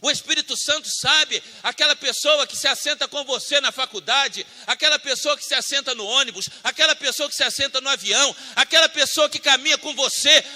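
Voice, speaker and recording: Recorded with a long hall reverb, a man with a very high voice preaches a sermon built around his personal testimony. He shifts between loud, fervent declaiming and hushed storytelling.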